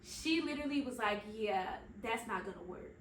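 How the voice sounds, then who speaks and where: Podcast host, woman, 30s, lively storyteller, slightly high voice, echoey room recording. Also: moderate pace, slight background noise. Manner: chatty and animated, slangy asides to listeners. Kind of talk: casual storytelling.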